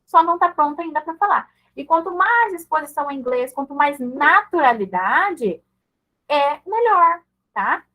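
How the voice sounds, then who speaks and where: A woman with a high, light voice leads an online mentoring session for parents. She talks in a conversational way, checking in with listeners through quick tag questions. She often slips into short example exchanges between a mother and her child. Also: lively intonation, bright, forceful tone, poor audio.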